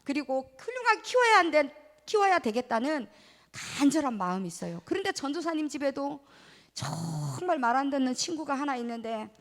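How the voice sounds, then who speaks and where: A woman's voice: sits high, big pitch swings, fairly quick. A middle-aged woman giving a children's sermon in church, asking the kids questions and acting out scolding parents. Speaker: children's ministry preacher. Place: church hall. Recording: reverberant church hall.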